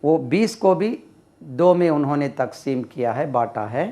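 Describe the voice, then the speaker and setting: A man's voice: on the high side, expressive, a little slow, dark tone. A man teaching English pronunciation, explaining step by step and repeating words to model sounds. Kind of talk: classroom explanation.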